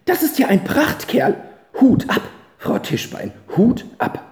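A reader voicing a cheerful, hearty gentleman on a train in an audiobook. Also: high voice, big pitch swings, slow, creaky, pitched above the performer's own voice, full character voice. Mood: admiring. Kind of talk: audiobook character reading. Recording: roomy echo.

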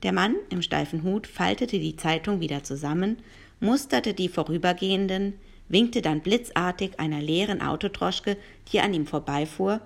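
Woman reading a children's novel, lower voice. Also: moderate pace, vocal fry. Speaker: narrator.

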